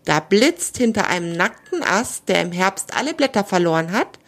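A woman narrating a children's story with a lively, expressive reading. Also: mid-range voice, normal speed.

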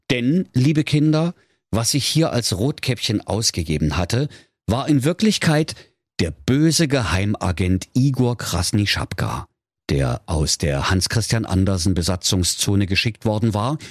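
A man with a Saxon accent narrating a comic fairy tale in a slow, playful storytelling manner, into a studio microphone. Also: on the low side, breathy edge, no echo. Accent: Saxon German.

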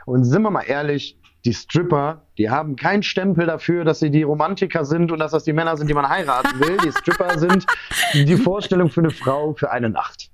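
A young man, a guest in an interview, telling lively anecdotes and acting out both sides of phone calls. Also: fairly high pitch, brisk. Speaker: interview guest, former stripper and agency owner. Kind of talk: casual storytelling in an interview. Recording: dull lo-fi sound.

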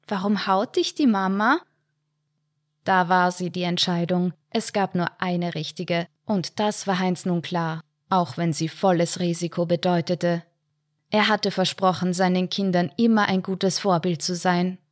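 A woman narrating a short story in a measured storytelling way. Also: lowish voice, little pitch movement, no echo, clean studio sound. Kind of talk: audiobook short story reading.

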